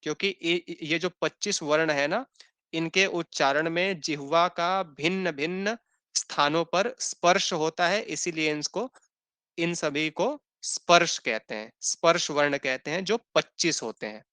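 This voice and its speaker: A man's voice: on the high side, pushed and bright, smooth, no echo. A man teaching an online language class, patiently repeating definitions for students to note down and checking in often. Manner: patient, repeats points slowly for note-taking; checks in with "thik hai" and "hai na". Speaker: Sanskrit teacher.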